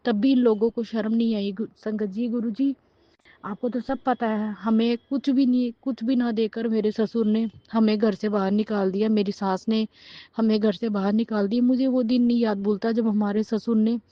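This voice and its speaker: A woman's voice: on the high side, fairly even intonation, moderate pace, no echo, highs cut off. A middle-aged woman giving an emotional personal testimony as a devotee, pleading and aggrieved, often breaking off and restarting her words.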